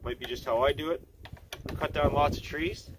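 A folksy, relaxed channel host in his forties shows chainsaw maintenance outdoors in the snow, musing aloud with fillers. His voice runs on the high side at normal speed. He wanders nearer and farther from the camera mic, and clear background noise is audible.

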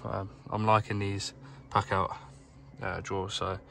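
A young man, a plumber, chatting casually to camera in a rambling, low-key way while tidying his van, filmed on a handheld phone. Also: level tone, a little slow, vocal fry, very noisy. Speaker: plumber vlogger. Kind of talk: casual vlog narration while working. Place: inside a work van, outdoors nearby.

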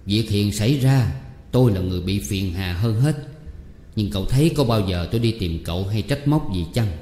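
A man voicing an older village teacher, grave and weary, who gives measured and stern advice. His voice is low and warm. It rings in an echoey room with long reverb. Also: animated, slight background noise, close to an everyday voice. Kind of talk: audiobook character voicing.

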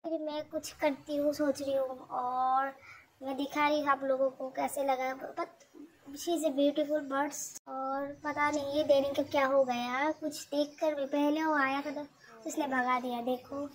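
A woman's voice: sits high, little pitch movement, unhurried, rough recording. A woman narrating a casual vlog as she cares for a hurt bird and scolds her dog. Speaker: vlogger.

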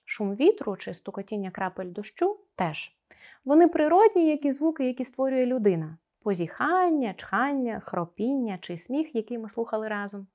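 Woman teacher, scripted video lesson, careful articulation, animated, somewhat high delivery. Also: moderate pace. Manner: careful, articulated pronunciation of sounds; expressive, explaining to pupils.

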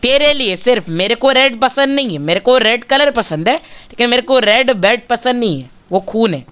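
A man's voice: very high-pitched, expressive, moderate pace, pushed and bright, clean tone. A male gaming channel host giving chatty, casual commentary while he plays, talking straight to his viewers and bargaining with them for likes.

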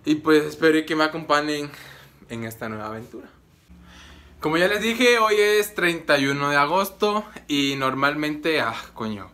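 His voice is on the high side, animated, bright and forceful, at a moderate pace. He's a young Guatemalan vlogger talking casually and rambling with fillers and restarts as he goes about the market and home.

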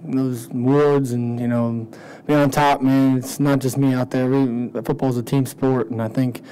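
A young man, a college quarterback, answering at a postgame press conference in a modest, halting way, full of "you know", into a table mic. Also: medium pitch, flat delivery, mellow, clean tone, poor audio. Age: young adult.

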